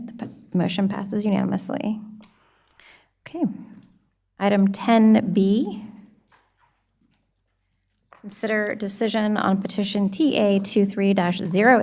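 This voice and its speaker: A woman chairs a public board meeting with formal, procedural phrasing. Her voice is mid-pitched and mellow, with noticeable fry.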